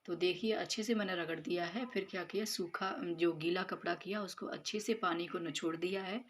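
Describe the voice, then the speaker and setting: A woman's voice: lowish voice, fairly even intonation, fairly quick, a little hiss or hum. Chatty woman narrating home cooking. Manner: chatty, explains step by step with many fillers. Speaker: home cooking vlogger and mother. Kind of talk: casual voice-over narration of cooking and chores. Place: home kitchen.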